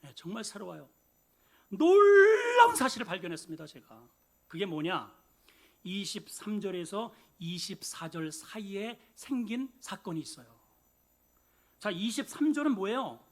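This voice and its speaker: A male pastor preaching a sermon in an animated, emphatic way, with humorous asides to the congregation. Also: sits high, measured pace.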